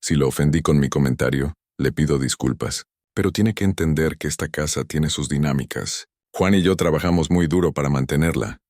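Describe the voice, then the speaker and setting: A man's voice: rumbling low, a little fast, darkish tone, dry recording, studio quality. A man voicing a cold, controlling daughter-in-law who speaks with false politeness in a spoken story. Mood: falsely polite.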